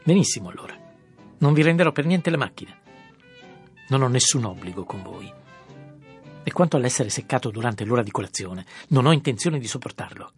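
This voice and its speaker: A brash, domineering rich man booms out his words, as a male narrator puts him on, pitched well above the reader's own low voice and much louder. He speaks slowly and emphatically, like a man used to being obeyed. Soft music plays faintly underneath the audiobook reading. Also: lively intonation, gravelly. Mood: irritated. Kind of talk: audiobook character voice.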